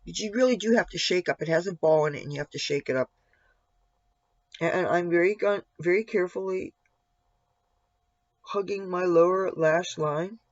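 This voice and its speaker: A man with a slightly gravelly voice giving a casual makeup tutorial, narrating each step and adding candid asides. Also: sits high, moderate pace, pauses often, no echo. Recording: dull, lo-fi sound.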